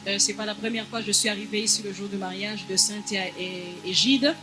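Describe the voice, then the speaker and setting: High-voiced man interpreting haltingly. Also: steady tone, over music. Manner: halting, many hesitations. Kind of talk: live church interpreting.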